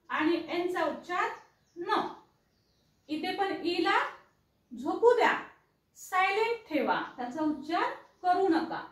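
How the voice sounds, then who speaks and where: High-voiced woman teaching in an echoey room. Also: fairly bright tone, distant mic. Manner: encouraging, repeats key words, asks the viewer questions. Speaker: English teacher. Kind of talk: explaining spelling and pronunciation to learners.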